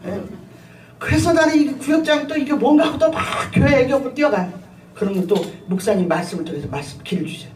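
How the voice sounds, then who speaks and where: A middle-aged woman pastor giving a sermon with personal testimony, telling her story in an animated way with frequent laughter and fillers. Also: high-pitched, fast. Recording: echoey room, voice from a distance, faint ambient noise.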